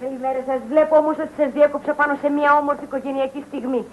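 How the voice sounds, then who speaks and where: A woman's voice: sits high, flat delivery, phone-quality sound, heavy background noise, close to an everyday voice. An actress playing a prim neighbor woman who speaks in polite, formal phrases. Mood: genteel. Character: prim, formal middle-aged female neighbor.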